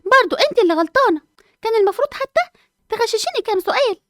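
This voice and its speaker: A woman's voice: very high-pitched, lively intonation, very fast, fairly bright tone, no echo, clean studio sound. A woman voicing a whiny, lazy schoolgirl twin with an Egyptian accent. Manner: whiny, complaining.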